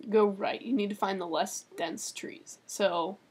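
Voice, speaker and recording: A woman's voice: mid-range voice, steady tone, measured pace. A young woman chatting casually and giving bossy directions while a friend plays a horror game at a laptop. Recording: noisy home recording.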